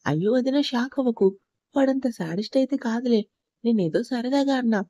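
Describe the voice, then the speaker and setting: A woman's voice: on the high side, a little fast, mellow, dry recording, lo-fi sound, close to an everyday voice. A woman reading the part of a playful young sister-in-law who teases and reassures in a storybook reading. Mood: teasing.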